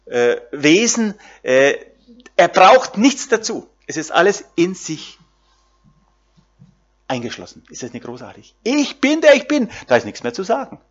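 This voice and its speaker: German preacher with lively, swinging pitch. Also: male voice, unhurried, lo-fi sound. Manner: talks directly to the congregation with many fillers and tag questions. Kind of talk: sermon.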